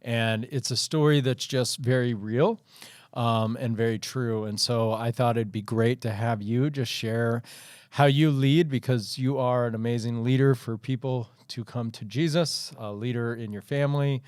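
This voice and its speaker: A man's voice: medium pitch, fairly even intonation, moderate pace, a little mellow, smooth, no echo, clean studio sound. Upbeat, joking male podcast host. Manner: upbeat, joking, friendly questioner. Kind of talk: casual podcast interview.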